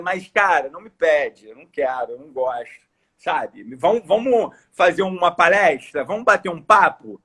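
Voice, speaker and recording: Brazilian male coach, high husky voice, earnest emphatic podcast chat. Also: fairly bright tone. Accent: Brazilian Portuguese. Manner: earnest, emphatic, repeats phrases for stress. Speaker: coach and course speaker. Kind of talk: casual podcast conversation.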